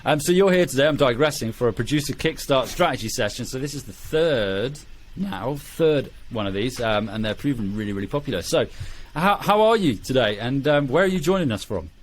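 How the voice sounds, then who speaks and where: A man with a British accent hosts a casual podcast interview in a mid-range voice. He rambles a little, digresses and fills pauses with ums and restarts. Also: medium pitch, lively intonation, slight background noise. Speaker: podcast host.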